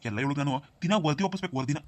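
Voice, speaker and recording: A man's voice: fairly high pitch, rapid-fire, no echo, close to an everyday voice. A man voicing a defiant, boastful drunk husband in a cartoon, firing back brash retorts. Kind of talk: cartoon voice acting.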